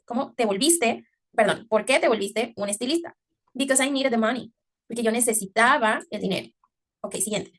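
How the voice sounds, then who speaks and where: A woman teacher explaining English grammar in Spanish, often checking understanding with a quick "ok?" and slowing down to stress English words. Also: on the high side, a bit bright. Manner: slows down to exaggerate English pronunciation. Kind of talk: online English class taught in Spanish.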